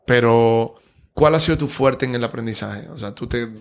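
A man's voice: medium pitch, moderate pace, creaky. A man from the Republic, hosting an interview and asking rambling, reflective questions. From Dominican Republic. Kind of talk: interview conversation.

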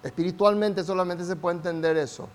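A man delivers a sermon in a very high voice. He calls on the congregation to repeat after him, and his delivery climbs to shouting. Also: fairly quick. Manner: call-and-response preaching, builds to shouts. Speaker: pastor.

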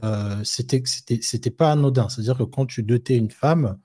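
A male co-host of a live discussion show talks at normal speed in a warm, medium-pitched voice with a breathy edge. His delivery is loose and rambling, thick with fillers and restarts, using everyday examples; the studio-quality recording has no room sound.

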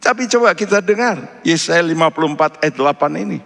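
A male pastor preaching a sermon, slow and emphatic, his voice swinging from soft to loud. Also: fairly high pitch, expressive, creaky. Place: church. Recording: long church reverb.

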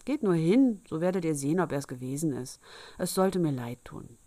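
A woman voicing a naive, fearless young farm boy in a fairy tale reading, speaking eagerly and a little louder than her narration. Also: deep voice, expressive, moderate pace, no echo. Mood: earnest. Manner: earnest, eager, raised and loud.

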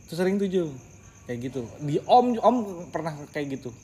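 A man who leads a casual Quran study group, talking in a lively way, slipping in English words and calling his listeners by their nicknames. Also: a little high, moderate pace, slight background noise. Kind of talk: casual religious study talk.

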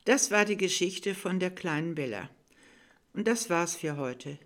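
A woman reading a children's story aloud in a calm, gentle storytelling manner. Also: fairly low pitch, unhurried.

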